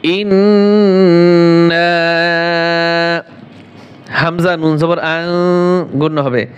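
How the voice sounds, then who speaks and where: Bangladeshi Bengali male Quran tutor, very unhurried, spells each syllable before chanting the verse. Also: fairly high pitch, smooth, lo-fi sound, faint music behind. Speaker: Quran recitation teacher. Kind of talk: spelling-out Quran lesson with slow recitation.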